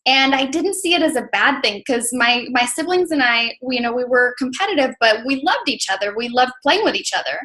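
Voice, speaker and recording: A native Spanish-speaking woman from Mexico, a coach and mentor, chats casually as an interview guest, peppering her speech with "like" and "you know." Her high voice has lively intonation, moves a little fast with hardly any pauses, and sounds pushed and bright on poor audio.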